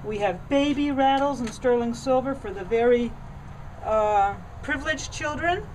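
A woman's voice: fairly high pitch, unhurried, darkish tone, slight background noise, poor audio. Chatty woman touring an antiques shop. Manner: enthusiastic, conversational with fillers and restarts. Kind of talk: guided shop tour. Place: indoor antiques shop among display cases.

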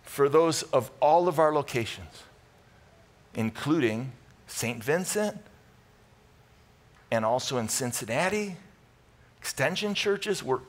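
Slow and animated, with long pauses, a middle-aged American pastor preaches in a medium-pitched voice. His live sermon to the congregation, delivered indoors from a church stage, teaches the Bible through punchy, conversational short phrases and repeated emphasis.

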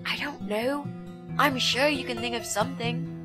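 A woman's voice: on the high side, fairly even intonation, moderate pace, music in the background, close to an everyday voice. An actress voicing a bold, chatty young female student in a video game, speaking in a breezy, confident way. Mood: scheming. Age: young adult.

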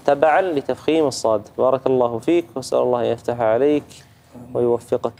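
A man's voice: mid-range voice, fast, creaky, music in the background. Patient Gulf Arabic man teaching recitation. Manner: patient, demonstrates sounds and checks in with "tamam?". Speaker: Quran recitation judge. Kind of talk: tajweed teaching feedback.

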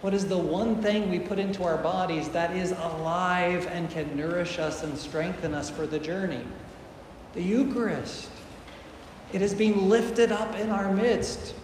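A man preaching a sermon to a congregation, earnest and emphatic, slowing down to stress key phrases. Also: high voice, fairly even intonation, noisy background. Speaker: priest. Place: large church with painted walls, congregation present. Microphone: far camera at the back of the church. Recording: very echoey church hall with faint ambience.

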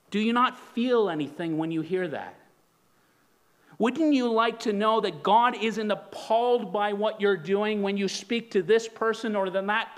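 Slow, high-voiced male preacher. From Canada. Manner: earnest, measured preaching with rhetorical questions; gestures broadly while leaning on the pulpit. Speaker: pastor. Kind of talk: sermon. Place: church sanctuary, at a pulpit. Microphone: pulpit microphone.

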